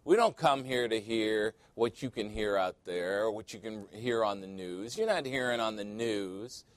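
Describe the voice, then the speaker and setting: A man's voice: on the low side, normal speed, no echo. A male pastor preaching a sermon in a church, joking and conversational with sudden emphatic swings.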